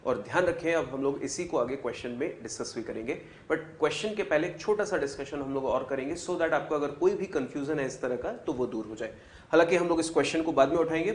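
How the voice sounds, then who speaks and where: A man teaching a physics lesson, speaking to the students as children. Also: medium pitch. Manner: calls students "बच्चों" and chimes in to echo answers.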